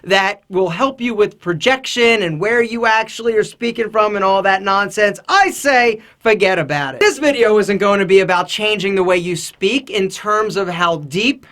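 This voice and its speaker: A man hosting a casual advice vlog, speaking emphatically in a light voice that is not deep. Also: moderate pace, few pauses. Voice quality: light, not deep, rises high when excited. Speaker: YouTube host.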